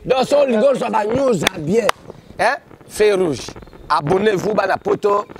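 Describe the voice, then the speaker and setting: A man's voice: sits high, a little slow. A man, a comedian being interviewed, talking in an exuberant, declamatory way. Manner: exuberant, declamatory, mixes two languages. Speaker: comedian interviewed in his stage persona. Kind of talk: street interview, lively self-promotion. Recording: crowd noise behind.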